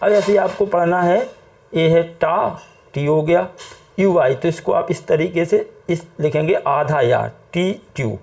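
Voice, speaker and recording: With a fairly high, darkish voice marked by vocal fry, an Indian man with an Indian accent moves at a measured pace through a classroom-style phonics lesson. He teaches English reading step by step, patiently repeating words and quizzing whoever is listening.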